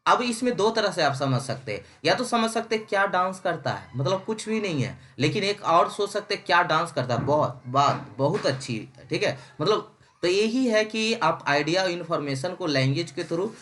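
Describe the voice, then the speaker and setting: A man's voice: high voice, animated, a bit bright. A young man giving a recorded engineering lecture, mixing English terms into his talk and checking in with his students often. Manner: repeats "ठीक है" often, reads English lines slowly. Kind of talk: recorded online lecture in Hindi-English mix.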